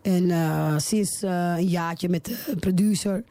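A woman's voice: fairly low pitch, measured pace, dark tone, no echo. A woman in her forties, a singer being interviewed on the radio, talking in a hesitant, chatty way full of fillers and restarts. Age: 40s. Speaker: singer guest.

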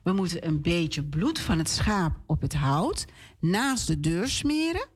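Woman doing a gentle reassuring father. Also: on the low side, lively intonation, slow pace, slightly rough, exaggerated voice. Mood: urgent. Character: kind caring father.

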